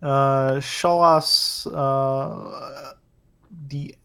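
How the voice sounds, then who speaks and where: A man's voice: medium pitch, steady tone, drawn-out words, gravelly, a bit bright, clean tone. A man chatting casually as a tabletop game player, hesitant and thinking aloud.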